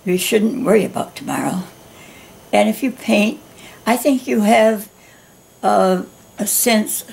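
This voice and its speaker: A woman in her nineties, gently encouraging viewers at the end of a painting lesson, slow and warm in manner, her voice going hoarse. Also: mid-range voice. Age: 90s. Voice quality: gravelly. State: losing her voice. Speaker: art instructor. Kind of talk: painting tutorial talk.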